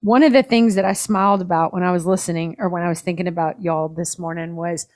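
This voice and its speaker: A woman co-hosting a podcast in casual chat, talkative and quick to laugh, often restarting her sentences. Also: fairly low pitch, steady tone, a little mellow. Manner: chatty, laughs easily, trails off and restarts. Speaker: podcast co-host.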